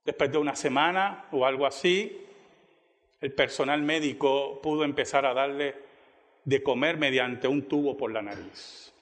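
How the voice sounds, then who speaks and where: Bright-voiced preacher in a reverberant hall. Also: male voice, normal speed. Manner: dramatic, acts out quoted dialogue with rising pitch. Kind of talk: sermon storytelling. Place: church.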